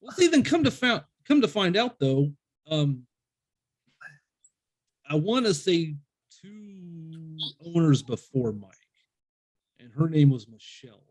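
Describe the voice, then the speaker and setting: A man's voice: on the high side, very animated, takes it slowly, pauses often, darkish tone. A man hosting a casual interview, rambling through stories and acting out what people said. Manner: rambling storyteller, acts out quoted voices. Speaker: podcast host.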